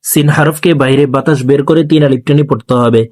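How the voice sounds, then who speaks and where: A man teaching Quran reading in a slow, gentle lesson, saying each letter over and over so viewers can repeat after him. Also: on the high side, dry recording, clean studio sound.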